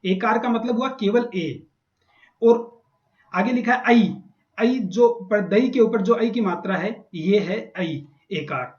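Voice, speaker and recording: In a college classroom, a man with a high, slow, darkish voice teaches Sanskrit grammar, patiently repeating and spelling out sounds as he explains. The recording is echoey and dull.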